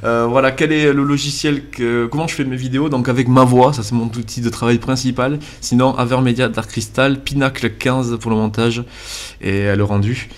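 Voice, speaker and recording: A man in his twenties from the Landes in southwest France, with a southwestern French accent. He talks earnestly over gameplay, often pausing on "euh", recorded on a basic cheap microphone. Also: mid-range voice, fairly even intonation. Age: 20s. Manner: earnest, hesitant with frequent "euh" fillers. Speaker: YouTube gaming channel host.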